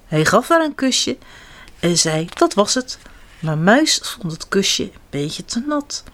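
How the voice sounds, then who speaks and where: Woman reading a picture book to kids, slow, sing-song, very expressive pitch. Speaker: children's storyteller. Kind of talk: reading picture books aloud to children.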